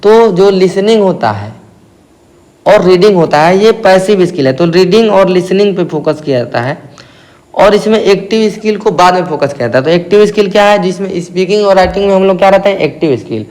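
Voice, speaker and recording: Man teacher, north Indian accent, high voice, asks and answers his own questions, repeats key terms. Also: lively intonation, a little fast, a little mellow. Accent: Hindi-speaking north Indian. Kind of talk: exam-prep lecture.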